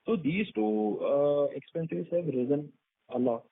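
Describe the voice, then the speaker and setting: A man's voice: on the high side, expressive, a little slow, breathy edge, no echo. A man asking methodical, probing questions over a conference-call phone line. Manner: methodical, probing, lists points one by one. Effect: phone-line audio of a conference call.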